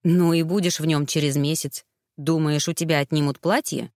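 Woman reader playing a teasing young lady, lower and calm. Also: a little fast, dry recording, clean studio sound, natural voice.

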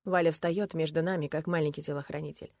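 A woman narrating a story in the first person, lively and voicing the other characters. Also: low voice, quick pace, dry recording, studio quality. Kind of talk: audiobook narration.

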